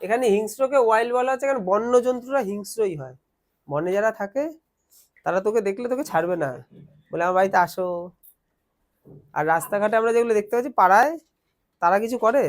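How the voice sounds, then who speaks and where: A man's voice: high voice, animated, fast talker. A man teaching a grammar lesson in a classroom, explaining step by step and quizzing his students as he goes.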